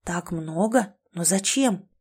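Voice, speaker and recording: A woman's voice: on the low side, expressive, slow, darkish tone, slightly rough, full character voice. A woman reading the lines of a touchy young man trapped in a kitten's body in an audiobook, close to her own voice. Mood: grumpy. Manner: grumpy, condescending.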